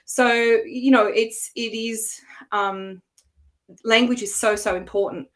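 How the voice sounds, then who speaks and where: A woman's voice: a little high, fairly even intonation, slow pace, a bit bright. A woman with an Australian accent, a coach and former teacher, giving a chatty online talk with many "you know" fillers. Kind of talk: presentation at an online coaching event. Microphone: video call.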